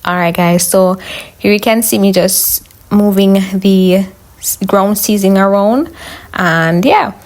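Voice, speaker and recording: Casting: female home cook with Jamaican accent, medium pitch, chatty step-by-step narration for online viewers. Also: a little slow, darkish tone. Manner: chatty, instructional, addressing viewers as guys. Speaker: home cook, video host. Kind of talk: casual cooking voice-over.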